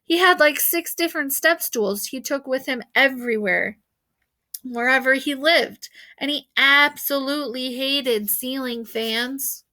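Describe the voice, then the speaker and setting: In a high voice and at a slightly slow pace, a woman reads a children's novel aloud. She narrates in the first person as an expressive storyteller.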